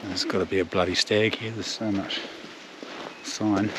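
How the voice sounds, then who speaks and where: Male outdoor vlogger, broad Kiwi accent, lowish pitch, laconic and slangy, noisy open-air sound. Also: steady tone, moderate pace. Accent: broad New Zealand. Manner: laconic, slangy, swears easily. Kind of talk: casual vlog chat. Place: outdoors in bush and by a river.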